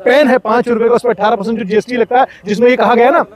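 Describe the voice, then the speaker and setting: A man's voice: very high voice, steady tone, fast talker, a crowd in the background. A man speaking as an activist in a street interview, lecturing with passion and repeating phrases for emphasis. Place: outdoors in a crowded public place.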